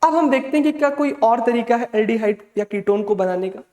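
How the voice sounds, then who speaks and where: With a very high, darkish voice and a brisk delivery, a male chemistry teacher leads an online exam-prep lecture. He's fatherly and encouraging, addresses students as "beta," and repeats the key points over and over in a room full of long echo.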